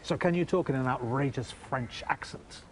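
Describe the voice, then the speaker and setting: A man's voice: medium pitch, normal speed, a little hiss or hum. A man interviewing a father and son, asking teasing, light-hearted questions.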